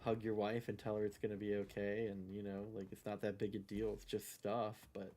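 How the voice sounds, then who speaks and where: His voice sits on the low side, mellow and a little fast, with little pitch movement. The middle-aged man livestreams a game through a headset mic, telling a rambling, casual story and frequently adding "right?" and "you know?"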